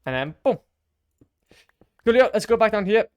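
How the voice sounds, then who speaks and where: A man's voice: high-pitched, sing-song, moderate pace, a little mellow, smooth, dry recording, dull audio. A young man casually commenting to his stream as he builds, chatty and self-mocking, humming little sound effects between remarks.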